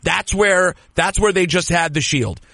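Animated male podcast host, dry sound. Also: high-pitched, a little slow, creaky, no echo. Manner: animated, opinionated ranting. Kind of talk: casual chat.

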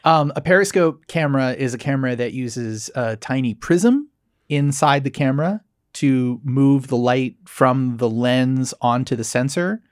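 Man, podcast co-host, measured, explanatory, mid pitch, dry close mic. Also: no echo. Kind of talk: casual tech podcast chat.

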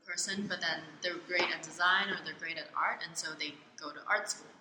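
A woman from Hong Kong, answering interview questions thoughtfully, with many pauses and fillers. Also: on the low side, steady tone, noisy background. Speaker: interviewee, art student. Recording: echoey space with faint ambience.

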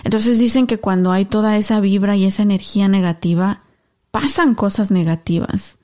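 With a mid-range voice at normal speed, a thirty-something woman who co-hosts a podcast relaxes into telling a story. Her delivery is lively, and she voices the people in it as she goes.

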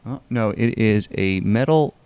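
A man interviewing an auction worker, curious and halting, often repeating his words as he asks questions. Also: lowish voice, a little mellow, smooth. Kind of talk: casual interview.

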